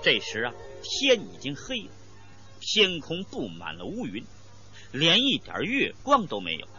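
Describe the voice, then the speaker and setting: A woman's voice: sits low, huge pitch swings, measured pace, bright, forceful tone, muffled recording, soft background music. A woman storyteller narrating a historical war tale dramatically, with emphatic sound words.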